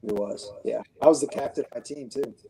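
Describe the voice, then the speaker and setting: A man from Connecticut telling his story as a podcast guest in a relaxed, rambling way. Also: medium pitch, fairly quick, creaky, a little hiss or hum, rough recording. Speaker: guest, business owner. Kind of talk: casual interview chat.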